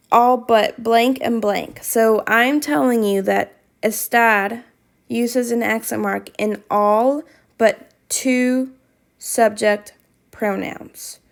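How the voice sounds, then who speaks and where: A woman reads quiz questions to her class at an unhurried, deliberate pace. Her voice sits a bit high with a slight gravelly edge. She patiently repeats each instruction. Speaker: Spanish teacher. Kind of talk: reading quiz questions to students.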